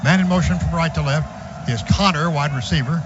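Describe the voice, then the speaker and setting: An excitable play-by-play man calls the action from a stadium radio booth at a fairly quick clip, staying calm between plays but rising in pitch and volume on big ones. The broadcast is muffled and lo-fi, with background noise.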